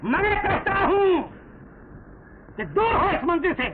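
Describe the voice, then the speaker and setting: Give me a stern elder priest who condemns in a harsh, commanding way. His voice is high, and it sits under clear hiss on a thin old film track. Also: sing-song, takes it slowly, heavily acted. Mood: condemning. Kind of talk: 1930s film melodrama. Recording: noisy, tinny 1930s film soundtrack.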